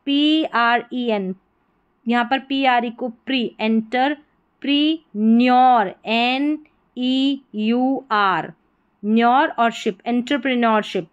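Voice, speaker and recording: A woman teaching English reading, slowly spelling each word out letter by letter and repeating it. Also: fairly high pitch, smooth, dull audio. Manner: slow, patient, spells words letter by letter and repeats them. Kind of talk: spelling and pronunciation lesson.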